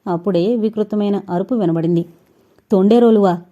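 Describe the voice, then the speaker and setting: A woman narrating a suspense audio novel with steady, suspense-building storytelling. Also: mid-range voice, moderate pace. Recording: dull lo-fi recording.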